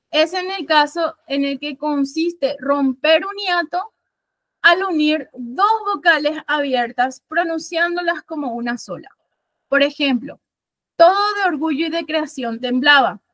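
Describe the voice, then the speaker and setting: Slow, high-voiced woman teaching a lesson. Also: fairly bright tone, dry recording. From Paraguay. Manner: explains step by step, counting syllables aloud; frequent self-corrections and fillers. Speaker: literature teacher. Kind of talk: online class lecture.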